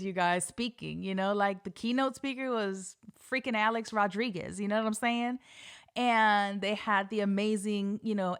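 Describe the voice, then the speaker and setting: A woman's voice: medium pitch, a bit bright. A middle-aged woman hosting a podcast, telling a story casually and animatedly, often laughing and swearing. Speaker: podcast host.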